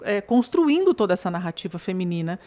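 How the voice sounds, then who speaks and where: A woman's voice: lowish voice, big pitch swings, a little fast, dark tone. A woman, a business consultant and podcast guest, speaking in an earnest, emphatic way in a casual conversation.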